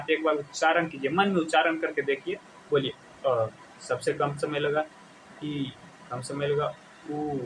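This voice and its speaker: A male teacher gives a grammar lesson at a very slow, deliberate pace, asking questions and answering them himself. His voice sits a little high for a man. A faint hiss of background noise runs under the recording. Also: poor audio. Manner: slowly stretches words while writing. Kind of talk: Hindi grammar lesson for exam prep.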